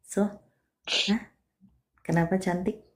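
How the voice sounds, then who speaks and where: Woman, low register, live palm reader; gentle, coaxing, endearments, half-whispered. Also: steady tone, takes it slowly. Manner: soft, coaxing, calls the listener darling; mixes English words into her talk. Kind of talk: live one-on-one reading.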